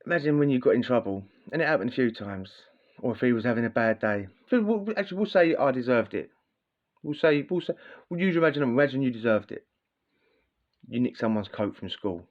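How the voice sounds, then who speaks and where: A man's voice: mid-range voice, expressive, fast talker. Fields: Sex: man. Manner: slangy, rambling. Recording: slightly dull. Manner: slangy, rambling, repeats himself. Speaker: vlogger. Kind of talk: casual storytelling monologue.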